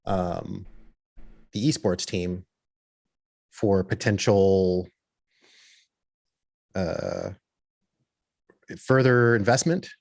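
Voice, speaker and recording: A man playing a tabletop roleplaying game, improvising in a hesitant, halting and wordy way. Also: low voice, gravelly, a little mellow.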